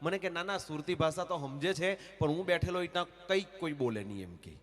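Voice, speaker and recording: On stage at a temple festival before a live audience, a comedian and folk performer from the Surat region of Gujarat tells comic stories in a Surati Gujarati accent, animatedly acting out voices and dialogue and breaking into sung lullabies. His voice is bright, on the high side, and a little fast, echoing through the hall.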